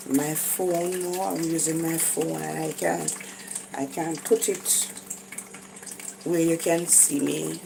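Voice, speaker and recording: A fatigued Jamaican cooking vlogger, her voice low and gravelly, chats her way through a casual video in a tiny kitchen. She stumbles, restarts, and leans on fillers a lot. A phone positioned above her captures the sound along with background kitchen noise.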